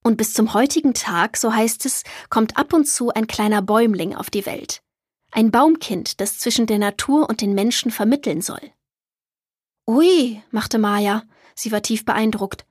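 Woman reading a lively children's story. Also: on the high side, normal speed, slightly rough, no room sound, clean studio sound. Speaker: narrator. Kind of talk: children's audiobook narration.

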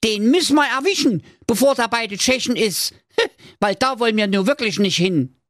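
Zwenny, a squeaky tiny dwarf commander. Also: male voice, expressive, fairly bright tone, no room sound, clean studio sound. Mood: commanding. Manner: shrill, hurried orders.

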